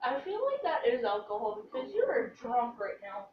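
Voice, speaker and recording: A woman's voice: on the high side, sing-song, normal speed. A young woman vlogger with a teasing, playful manner, chatting casually in a home kitchen. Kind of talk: casual joking chat. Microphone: camera mic across the room. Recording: echoey, distant, muffled and noisy.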